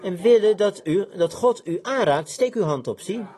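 High-voiced fervent preacher man. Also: lively intonation, normal speed, warm tone. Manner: fervent, conversational, repeats "zie" and "ziet u". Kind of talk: sermon, prayer and healing service. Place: church tabernacle.

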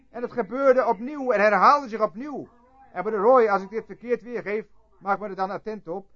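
A man preaching a sermon and telling a story, swinging between loud outbursts and hushed asides. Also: sits high. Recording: dull lo-fi tape recording.

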